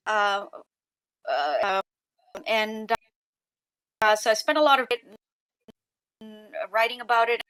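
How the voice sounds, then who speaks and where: Woman, guest writer, remote call, audio cutting in and out, uneven volume, halting, fillers, dry sound. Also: fairly high pitch, lively intonation, fairly bright tone, clear, resonant tone, no echo, low-quality recording. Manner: halting, with many fillers and restarts. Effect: call audio cutting in and out, volume rising and dropping. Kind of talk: interview answers over a bad connection. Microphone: remote call line.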